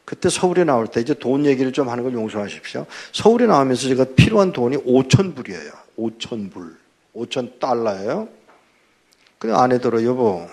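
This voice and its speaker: Older husky pastor telling a story. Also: male voice, mid-range voice. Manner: animated storytelling, acting out dialogue. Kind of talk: testimony sermon.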